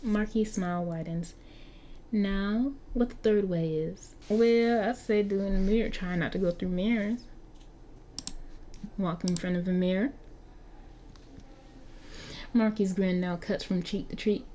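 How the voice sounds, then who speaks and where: A woman with a Southern US accent reads an interactive story aloud, breaking off into chatty asides and tripping over words. Her voice is mellow and soft. A faint noise sits under the recording. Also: medium pitch, steady tone, measured pace, long pauses. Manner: stumbles over words, laughs at herself. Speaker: story reader.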